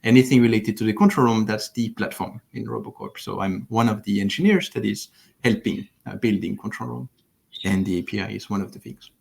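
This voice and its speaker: A man from France with a low, gravelly edge to his voice, thoughtful and explanatory. He speaks over a headset on a video call from a home living room. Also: fairly even intonation, a little fast, darkish tone. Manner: thoughtful, explanatory, with frequent restarts. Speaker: platform engineering lead. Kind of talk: livestream interview.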